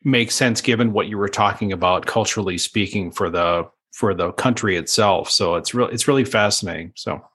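A man's voice: on the low side, brisk, few pauses, a bit bright, husky. Chatty male radio-style host. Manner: friendly, chatty, rambling asides. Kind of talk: casual interview chat.

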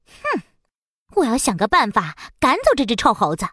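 A woman's voice: a little high, wildly swooping pitch, moderate pace, a bit bright, husky, no echo, clean studio sound, heavily acted. A woman voicing a haughty, bratty young princess in a children's storybook, huffy and scolding.

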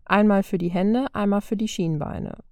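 A woman reading a fan fiction story aloud in a calm, even way. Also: medium pitch, normal speed, no room sound, studio quality. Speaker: reader.

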